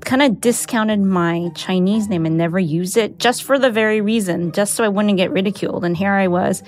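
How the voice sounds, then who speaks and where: An American woman from the United States whose first language is Mandarin tells a personal story in a casual, chatty way, peppering it with "like" and "you know." Her voice is mid-range and her speed normal.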